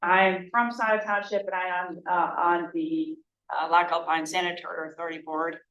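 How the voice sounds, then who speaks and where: A woman's voice: fairly low pitch, little pitch movement, normal speed, a bit bright, dull audio. A woman from a local sanitary authority board speaking hesitantly in support at a township board meeting. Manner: hesitant, with many fillers. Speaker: sanitary authority board member at public comment.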